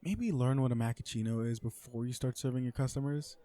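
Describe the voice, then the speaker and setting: A man plays a cocky, flirtatious businessman supervillain on a blind date in a romantic comedy audio roleplay, addressing the listener in a sardonic, conversational way. He sounds smug and exasperated, with a mid-range, warm, natural voice at a slightly fast pace, recorded dry.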